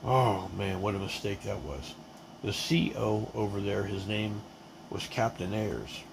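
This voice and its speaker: A man's voice: on the low side, a little slow, gravelly, noisy background. A man telling his life story in a casual, rambling way, full of restarts, blunt and emphatic. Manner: rambling, with many fillers and restarts. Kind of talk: casual spoken testimony.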